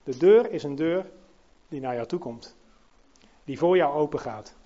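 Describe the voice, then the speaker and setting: A man with a high voice delivers a sermon in an emphatic way. He climbs to loud, ringing peaks and then sinks to soft, low passages. The recording sounds a little dull and muffled. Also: lively intonation, a little slow. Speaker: preacher.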